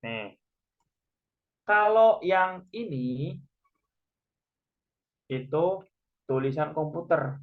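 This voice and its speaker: A man's voice: fairly high pitch, animated, very slow, pauses often. A man teaching a Korean language class online, patiently explaining each point step by step. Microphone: video call. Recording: muffled video call audio.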